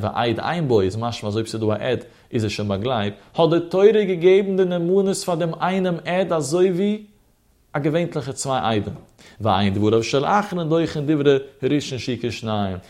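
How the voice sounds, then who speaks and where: A man's voice: a little high, a little mellow. Man chanting a sing-song Talmud lesson. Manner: sing-song study chant rising and falling. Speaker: Talmud teacher. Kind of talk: traditional study-hall lesson.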